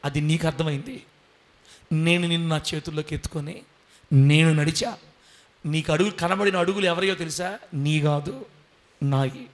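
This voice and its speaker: A preacher voicing a gentle, fatherly Jesus. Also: a little high, steady tone, normal speed, pauses often, voice pushed down, close to an everyday voice. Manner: tender, reassuring.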